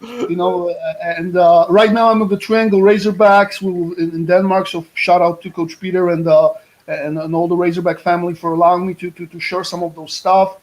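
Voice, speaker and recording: A Polish man who coaches American football gives an energetic guest presentation over a video call, frequently restarting his words. His voice is high and steady in tone, his pace a little fast, and his Polish accent carries a mid-Atlantic English lilt. The recording is rough.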